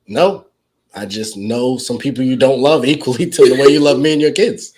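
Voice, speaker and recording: A man's voice: mid-range voice, moderate pace, a little mellow. A young man co-hosting a casual couple's podcast, joking and teasing as he talks. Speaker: podcast co-host.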